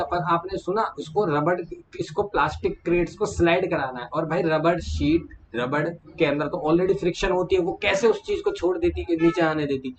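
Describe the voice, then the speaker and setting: A man, casually retelling client conversations in a vlog and speaking to viewers like friends. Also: on the high side. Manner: chatty, retells client calls, addresses viewers as brother. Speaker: small manufacturer sharing business lessons. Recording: dull lo-fi sound with faint background hum.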